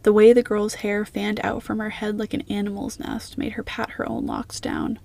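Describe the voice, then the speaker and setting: A woman reading a fan fiction story aloud as narrator in a steady, even way. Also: mid-range voice, vocal fry.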